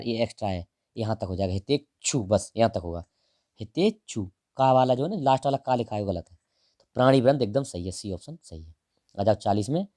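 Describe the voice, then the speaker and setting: A man teaching exam prep, going through answers one option at a time in a casual, direct way and drawing some words out slowly. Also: mid-range voice, dark tone, no echo, clean studio sound. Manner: explains each option, stretches out words while writing; casual and direct, calls the listener brother. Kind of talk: answer-key walkthrough lesson.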